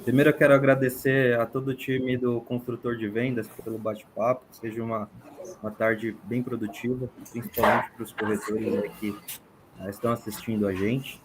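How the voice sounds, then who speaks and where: A man from São Paulo, a real estate manager speaking as a guest on a webinar panel, explaining in a measured, deliberate way. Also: medium pitch, little pitch movement, noisy background. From São Paulo, Brazil.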